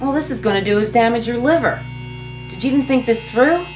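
A woman's voice: on the high side, fairly quick, soft background music, close to an everyday voice, poor audio. A middle-aged woman playing a stern, exasperated, dismissive mother in an amateur film, scolding in a stagey way.

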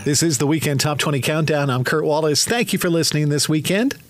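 A man's voice: a little high, quick pace. A man presenting a scripted radio music chart countdown as host, upbeat and hyping what comes next.

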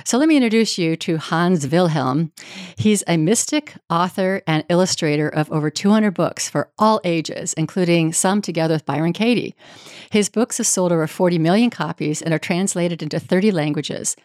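A woman with a fairly low voice speaks at a normal speed, recorded dry with clean studio sound. She's a reverend hosting a spiritual podcast, warmly and effusively introducing her guest and asking questions with real enthusiasm in this interview.

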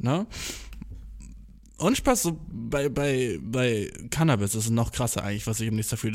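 A young man telling a story in a casual monologue, slangy and swearing a lot, mixing in English words, self-mocking and excitable, stumbling over his words. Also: medium pitch.

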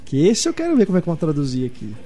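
Male podcast host, relaxed and fairly high voice, casual news chat over faint music. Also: rapid-fire.

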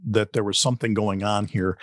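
A man's voice: fairly low pitch, steady tone, fairly quick, dry recording, clean studio sound. A man hosting an interview, affirming his guest's story and asking open follow-up questions. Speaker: host.

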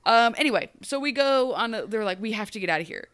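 Animated woman podcast co-host. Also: fairly high pitch, fast talker, clean tone. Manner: animated, mock-grandiose quoting, frequent fillers. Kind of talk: casual recap chat.

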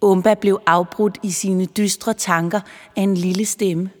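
A woman reading a children's story aloud, expressive and playful. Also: medium pitch. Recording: long reverb with music behind.

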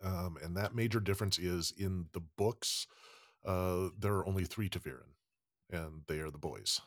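A man's voice: low-pitched, normal speed, no room sound, clean studio sound. A man hosting a casual podcast panel, talking with many ums and restarts. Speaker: podcast host.

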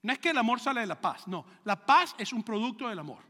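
A male pastor preaching a sermon in a church, his high, bright voice trailing a long reverb. He speaks conversationally, acts out dialogue from his own stories, and fires off rhetorical questions at the congregation. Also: big pitch swings, fast.

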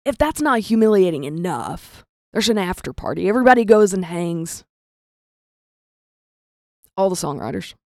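A woman's voice: on the low side, big pitch swings, normal speed, pauses often, darkish tone, dry recording, clean studio sound. A young woman, telling a comic story in a self-deprecating way and acting out the voices of the people in it. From rural American South. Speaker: comedian storyteller. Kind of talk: comedic storytelling.

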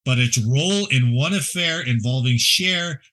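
A podcast co-host with a medium-pitched voice at normal speed reads out headlines and cracks jokes on a casual show. He is animated and laughs often.

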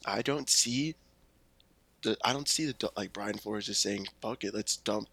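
Laid-back young man, low voice. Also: moderate pace, vocal fry, pushed and bright, slightly rough. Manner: laid-back, joking, slangy. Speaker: podcast co-host. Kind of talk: casual late-night chat.

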